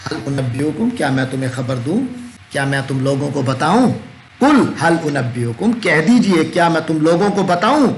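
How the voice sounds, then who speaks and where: A man teaching a lesson that translates scripture word by word, reciting slowly and asking his listeners rhetorical questions. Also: on the high side, big pitch swings, slight background noise. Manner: slow, measured recitation of scripture. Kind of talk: lecture.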